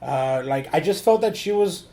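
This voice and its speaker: Male review co-host, notably high-pitched voice, casual and sweary, halting slangy delivery with repeated words. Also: lively intonation, mellow. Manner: halting, slangy, heavy use of "like" and repetition. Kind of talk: casual film review chat with profanity.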